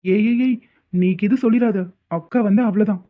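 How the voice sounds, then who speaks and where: A woman's voice: mid-range voice, a little fast, lightly acted. A woman voicing a boastful young male college student who brags about his charm in a cartoon. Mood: cocky. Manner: cocky, boastful, teasing. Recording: tinny phone-like lo-fi sound.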